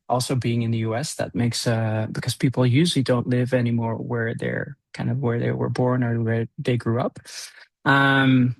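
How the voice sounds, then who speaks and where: A middle-aged man from the Netherlands, a guest on a podcast, speaking in a thoughtful, unhurried way. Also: mid-range voice, no echo. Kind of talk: casual podcast chat.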